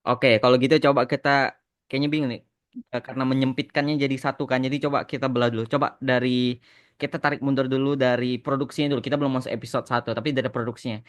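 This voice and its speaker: An Indonesian man who creates animation hosts a casual podcast interview, repeating short phrases and dropping in bits of English. His medium-pitched voice is flat and fast, with no room sound.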